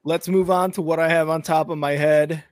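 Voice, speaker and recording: Upbeat male host on a sports show, fairly high voice, dry sound. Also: steady tone, moderate pace, no room sound. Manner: upbeat, laughs easily. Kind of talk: casual sports podcast chat.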